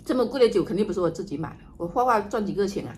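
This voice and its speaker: A woman chatting casually to camera while she eats and drinks, musing in an unhurried way with murmured asides. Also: medium pitch, animated, a little mellow. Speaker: vlogger doing an eating and drinking livestream. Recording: noticeable background noise, home ambience.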